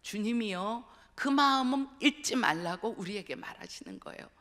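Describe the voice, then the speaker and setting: A woman's voice: mid-range voice, lively intonation, moderate pace, a bit bright. A middle-aged woman, a pastor's wife, giving an earnest testimonial sermon, telling her story and dropping to a whisper for emphasis. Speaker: guest speaker, pastor's wife. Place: church sanctuary. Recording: long reverb of a church hall.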